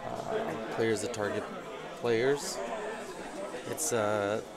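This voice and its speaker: A man's voice: on the low side, fairly even intonation, extremely slow, over a noisy crowd. A man co-commentating a card game match in a casual way, making dry, wry remarks. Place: busy card tournament venue.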